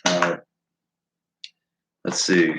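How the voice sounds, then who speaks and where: A man's voice: low voice, monotone, drawn-out words, reverberant, heavy background noise. A man hosting a fishing channel live stream, chatting casually in a rambling, easygoing way with lots of fillers. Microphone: no lapel mic.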